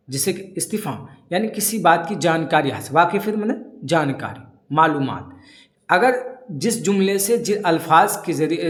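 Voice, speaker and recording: Grammar teacher, quizzing himself, echoey room. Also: male voice, fairly high pitch. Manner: drills by asking questions and answering them himself. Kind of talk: classroom lesson.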